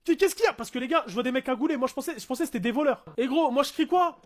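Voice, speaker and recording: A man's voice: extremely high pitch, racing. A man telling a comic anecdote in casual slangy speech, animatedly acting out the people in it. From France. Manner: animated, acts out shouting cops and slangy street French. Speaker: storyteller.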